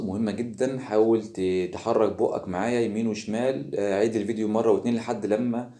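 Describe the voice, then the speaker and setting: A man with an Egyptian Arabic accent runs an online pronunciation lesson, drilling each word again and again for the listener to repeat. His voice sits low and sounds dark and mellow. The recording carries a noticeable room echo. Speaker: language teacher.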